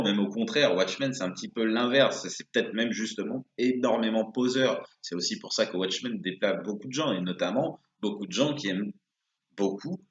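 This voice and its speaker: A man's voice: on the low side, fairly bright tone. A man giving a casual spoken commentary on comics, rambling with many hesitations and restarts. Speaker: video blogger commenting on comics. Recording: roomy, dull lo-fi sound.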